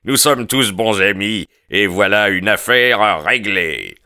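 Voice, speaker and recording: A man's voice: low-pitched, a little slow, pushed and bright, clear, resonant tone, dry recording, studio quality. A man voicing a jovial but domineering male lodge boss in an audiobook, with a bluff, commanding manner. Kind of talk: audiobook character reading.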